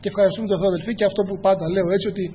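A man's voice: high voice, fairly even intonation, husky. A man preaching a sermon, speaking earnestly, often addressing his listeners as brothers and asking rhetorical questions. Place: church hall. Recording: echoey hall, dull lo-fi, faint hum.

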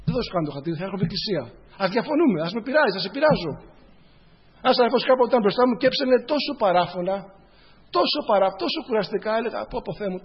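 Male preacher, high husky voice, repeats lines for emphasis, dull lo-fi recording. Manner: addresses the congregation as brothers, tells personal stories. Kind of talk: sermon.

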